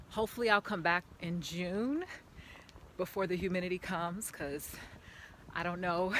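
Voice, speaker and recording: A woman's voice: lowish voice, fairly bright tone, slight background noise. A woman vlogging casually while walking on an outdoor park path, chatty and rambling, filling her talk with "like", speaking into a handheld camera. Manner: chatty, rambling, lots of "like" fillers; talking while walking uphill.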